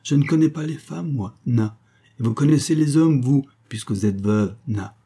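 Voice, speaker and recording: A man's voice: medium pitch, normal speed, warm tone, slightly rough, voice pushed up. A man voicing a cheeky young husband who plays the innocent schoolboy, reciting in a teasing singsong. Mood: mock-innocent.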